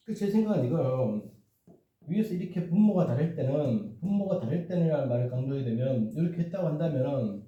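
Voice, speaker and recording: A man tutoring math in a casual, rambling way, often checking in with his listeners and poking fun at himself. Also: fairly high pitch. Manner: rambling, self-deprecating, repeats "이렇게" and "그죠?". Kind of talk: casual explanatory lesson. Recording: echoey, dull, distant mic.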